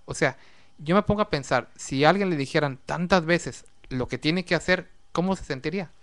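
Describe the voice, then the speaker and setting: Smooth-voiced man explaining at length. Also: on the high side, a little fast, fairly bright tone. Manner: explanatory, repetitive listing, rhetorical questions. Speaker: co-host of a religious discussion program. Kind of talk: casual religious discussion.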